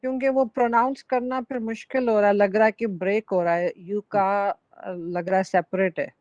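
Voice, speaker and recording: A woman student in an online class, quickly asking her teacher questions. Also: mid-range voice, steady tone, darkish tone, no room sound, highs cut off.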